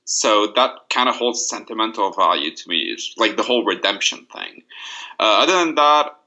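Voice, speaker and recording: A man's voice: fairly low pitch, animated, moderate pace, pushed and bright, dull audio. A man from Lebanon in casual podcast chat, laid-back, saying dude a lot and swearing.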